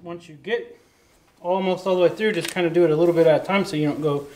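Calm man coaching a boy in a barn. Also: a little high, fast talker. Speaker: farmer teaching a boy carpentry. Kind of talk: patient step-by-step instruction. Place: large metal barn, indoors. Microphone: camera mic, varying distance. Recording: noisy barn, drill sounds.

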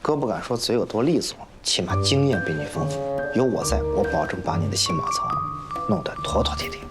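A man playing a sly, stingy team leader in a comedy sketch, talking in a lively, exaggerated, wheedling way. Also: fairly low pitch, a little fast, lightly acted. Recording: music playing under the speech.

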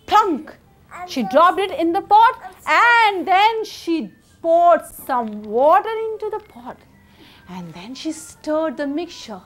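A woman tells a folktale to children in a high, very animated voice. She takes her time, stretching words theatrically as a live storyteller. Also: takes it slowly, a little hiss or hum. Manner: theatrical, expressive, uses sound effects. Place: medium-sized indoor room with seated children.

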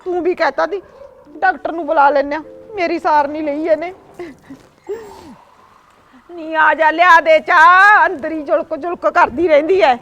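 An actress playing a nagging stepmother in a village comedy sketch, shrill and complaining. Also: fairly even intonation, a little fast, muffled recording, lightly acted. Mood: scolding. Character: nagging middle-aged stepmother who later repents. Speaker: actress in a short comedy film.

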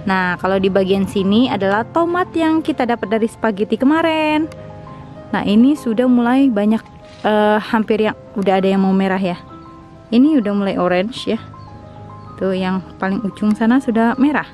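A woman's voice: mid-range voice, moderate pace, a little mellow, soft background music. A young woman narrating a casual tour of her rooftop garden, chatty and enthusiastic as she explains each plant. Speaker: vlogger, home gardener.

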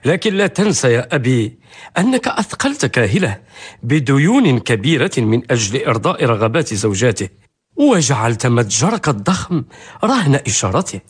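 An actor playing a proud, lovestruck young merchant in a historical radio drama, with rough husky voice and emotive formal delivery. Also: male voice, mid-range voice, sing-song, moderate pace. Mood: doubtful. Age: young adult.

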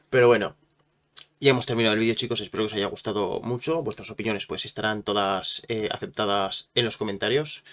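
A man's voice: fairly low pitch, a bit bright. A man from hosting a reaction video, talking in a loose, rambling way with many restarts. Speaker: reaction channel host. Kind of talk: casual reaction commentary.

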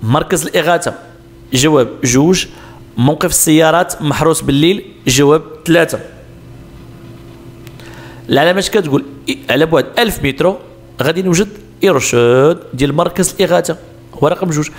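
A man's voice: on the high side, quick pace, long pauses. A man with a Moroccan Arabic accent explaining road sign exam answers step by step, asking questions and answering them himself. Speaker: driving instructor.

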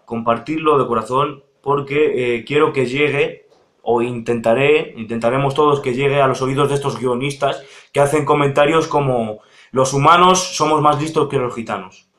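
Dude, mid voice, earnest and measured complaining, echoey room. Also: male voice, mid-range voice, fairly even intonation, a bit bright. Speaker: youtuber in the reacted video. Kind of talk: casual video commentary.

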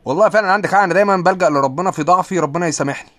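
Fast-talking Egyptian young man, sick. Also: high voice, a bit bright. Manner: reads viewer comments aloud and answers them jokingly; self-mocking, laughs often. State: sick, with occasional coughing. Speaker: live streamer. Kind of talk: casual live stream chat.

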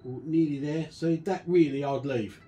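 A man casually walking through a guitar restoration and explaining each step in a relaxed, chatty way. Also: on the high side, measured pace, breathy edge, dull audio. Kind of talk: casual workshop demonstration.

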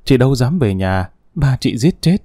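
A man voicing a frightened young servant girl who pleads softly and tearfully. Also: medium pitch, very animated, normal speed, dry recording, clean studio sound. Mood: hushed.

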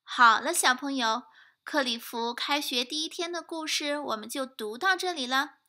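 A woman reading a children's picture book aloud, enunciating clearly for young listeners. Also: high-pitched, moderate pace, sharp tone. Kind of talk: children's storybook read-aloud.

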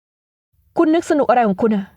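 A proud, hot-headed young man with a stern, irritated delivery, as a female reader puts him on. The voice stays mellow and fairly high, with no real lowering. It sounds dull and lo-fi. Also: moderate pace, dry recording, natural voice. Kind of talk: audiobook character voice.

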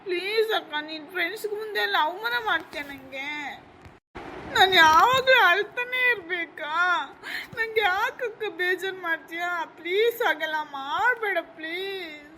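A woman's voice: extremely high pitch, lively intonation, a little fast, few pauses, sharp tone, slight background noise, exaggerated voice. A woman voicing a sulky, whiny little boy who complains tearfully in a cartoon skit.

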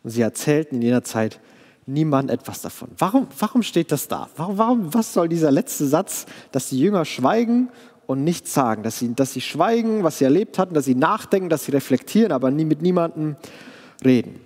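German pastor preaching, earnest, kinda high voice, long church echo. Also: male voice, animated, a little mellow. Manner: earnest, emphatic, slows for quoted verses. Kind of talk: sermon. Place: church hall, live stream.

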